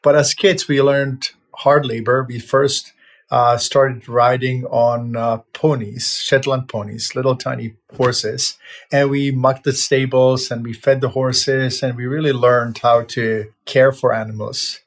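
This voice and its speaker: A veterinarian from Czechoslovakia, a man in his fifties, tells his life story in a relaxed, reflective, casual way. His medium-pitched voice is a little slow, with plenty of "uh" fillers and restarts.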